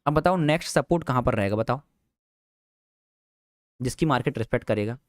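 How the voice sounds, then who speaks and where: A man's voice: mid-range voice, animated, a little fast, no room sound. A man teaching a live trading class in a chatty, teasing way, repeating each point. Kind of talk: casual live class lecture.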